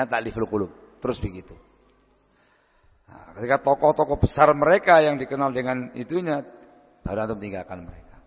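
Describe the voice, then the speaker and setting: A man giving a question-and-answer sermon, mid-pitched and lively, slipping into little acted conversations to make his points. The sound is dull and lo-fi, with a long reverb trailing through a large hall. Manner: lively, acts out short everyday dialogues, frequent Arabic phrases. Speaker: Islamic preacher answering questions. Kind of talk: lecture-style Q&A sermon. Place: large hall at a study gathering.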